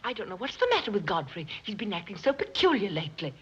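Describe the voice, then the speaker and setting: A woman's voice: mid-range voice, big pitch swings, quick pace, natural voice. A middle-aged actress playing a flighty, chattering society mother in 1930s screwball comedy banter. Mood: fussing, cheerful. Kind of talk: 1930s film comedy acting. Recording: dull, noisy 1930s film soundtrack.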